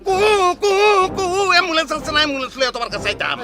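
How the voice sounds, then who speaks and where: A man playing an indignant young son defending his mother, scolding fast. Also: extremely high pitch, very animated, bright, forceful tone, full character voice. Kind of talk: comedy skit acting.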